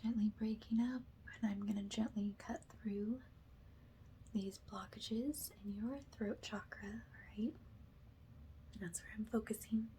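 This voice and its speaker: Softly and breathily, often slipping into a whisper, a woman offers slow, calming, halting guidance in an ASMR energy-healing manner. Her mid-range voice stays steady. The low-quality recording carries a slight hiss or hum.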